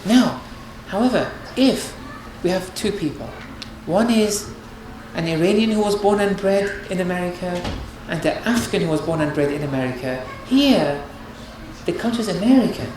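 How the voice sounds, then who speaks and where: A woman's voice: on the low side, expressive, moderate pace, a little mellow. A woman giving an earnest religious lecture on marriage, counselling her listeners and often restarting her phrases. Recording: very echoey hall with noise.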